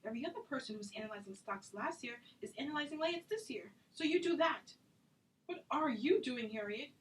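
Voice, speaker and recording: A woman's voice: high-pitched, animated, a bit bright, slight background noise, poor audio. A woman acting a self-taped drama scene as a hurt, indignant friend, intense and accusatory in her delivery. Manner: accusatory, intense, rapid-fire.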